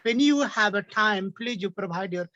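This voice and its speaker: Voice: mid-range voice, moderate pace, sharp tone, no echo. Hesitant, polite learner on a call. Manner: hesitant, polite, many fillers. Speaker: participant in an English conversation class. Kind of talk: casual video-call chat. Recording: dry, muffled video-call audio.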